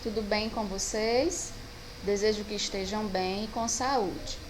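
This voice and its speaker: A woman teacher with a Brazilian Portuguese accent, giving a recorded grammar lesson with slow, patient explaining and stretched-out example words. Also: mid-range voice, fairly even intonation, a little hiss or hum, rough recording.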